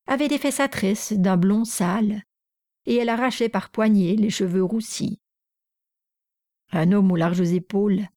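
Woman, audiobook narration, measured and even, mellow dark tone, dry close sound. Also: medium pitch, no echo. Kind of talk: audiobook reading of a classic novel.

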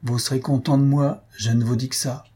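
A man playing a mocking, husky army sergeant. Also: medium pitch, normal speed, warm tone, pitched above the performer's own voice, lightly acted. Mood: teasing. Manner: mocking, confidential. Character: sly, teasing male army sergeant.

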